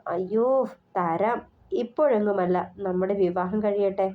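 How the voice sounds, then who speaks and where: A woman doing a gentle young bride-to-be. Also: mid-range voice, fairly even intonation, unhurried, phone-quality sound, close to an everyday voice. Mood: soft. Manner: soft, teasing.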